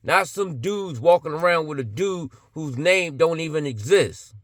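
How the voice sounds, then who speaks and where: A man's voice: a little high, lively intonation, unhurried, no echo, clean studio sound. A man giving an impassioned religious monologue, emphatic and blunt, firing off rhetorical questions and swearing freely.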